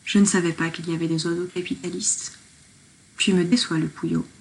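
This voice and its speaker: A woman's voice: fairly low pitch, steady tone, fairly quick, a little mellow, a little hiss or hum, poor audio. A woman reading her own poetic lockdown diary aloud in a tender, reflective way. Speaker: diarist.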